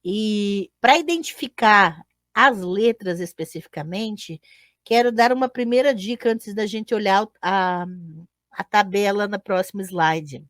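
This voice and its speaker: A woman teaching a live online lecture to her viewers. She explains step by step, often pausing to check in and correcting herself as she goes. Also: medium pitch, dry recording, studio quality. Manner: explanatory, with frequent checking tags and self-corrections. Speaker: teacher and podcast host.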